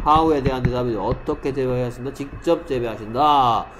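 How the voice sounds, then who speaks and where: A male English teacher in a classroom, quizzing students by name and slowly repeating English example sentences. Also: medium pitch, noisy background. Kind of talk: classroom lesson.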